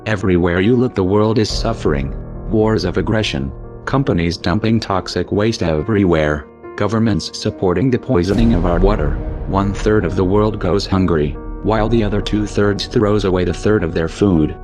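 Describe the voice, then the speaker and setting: Man with disguised deep voice. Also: moderate pace, music in the background. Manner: grave, declamatory. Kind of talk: scripted manifesto narration.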